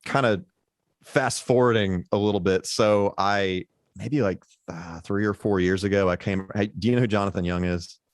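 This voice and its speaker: A guest musician on a casual podcast rambles in a low baritone, full of fillers and restarts. His tone is steady and his speed normal, and the recording is dry with no room sound.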